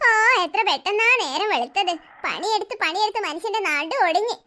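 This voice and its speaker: A voice actor playing a harried, sharp-tongued mother who complains and bosses her husband around. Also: very high-pitched, animated, fairly quick, voice pushed down, exaggerated voice. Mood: grumbling. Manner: complaining, bossy. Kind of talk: cartoon voice acting.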